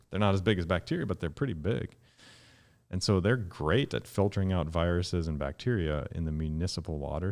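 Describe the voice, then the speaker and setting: A man in his thirties, a guest scientist on a podcast, explaining in an animated way and jumping up in pitch to stress points, recorded in a dark studio on a studio mic. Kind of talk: podcast conversation. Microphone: studio mic with headphones.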